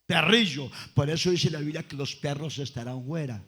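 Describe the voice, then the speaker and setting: A Colombian man delivers a dramatic Pentecostal sermon in a high, bright voice. He rises to shouted praise, then drops to low, confiding tones, preaching to a congregation in a church. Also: moderate pace, slightly rough. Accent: Colombian Spanish. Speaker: pastor. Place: church service before a congregation.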